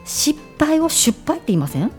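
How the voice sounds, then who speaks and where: A woman with a Kansai accent chatting on a radio show, answering brightly, laughing easily and nodding along in speech. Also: high-pitched, big pitch swings, fairly quick, soft background music. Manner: bright, responsive, laughs easily, frequent backchannel. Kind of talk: casual radio chat.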